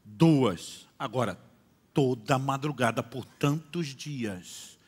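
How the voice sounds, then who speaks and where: A male pastor preaching a sermon, telling stories and acting out dialogues, moving between hushed and loud delivery. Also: medium pitch, expressive, slow pace, breathy edge. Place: church conference hall. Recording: long hall reverb.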